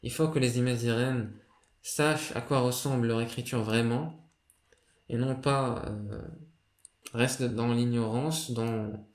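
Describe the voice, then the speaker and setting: Speaking slowly in a steady, mid-range voice, a man gives a relaxed lesson on a writing system as a video creator. He hesitates often, with lots of fillers and restarts, and the recording carries a roomy echo.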